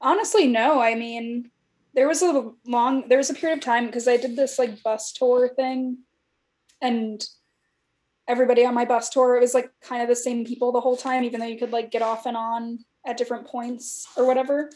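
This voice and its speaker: A woman from California in her thirties reads aloud from her old journals in a casual chat. Her voice sits a little high but sounds mellow and warm. She talks in a reflective way and often says "like". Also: fairly even intonation, moderate pace. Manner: reflective, with frequent "like" fillers.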